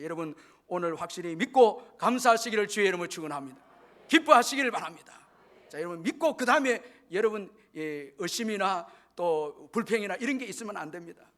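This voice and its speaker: A man's voice: fairly high pitch, fairly bright tone. A man preaching a sermon as pastor, delivering emphatic declarations that rise in force.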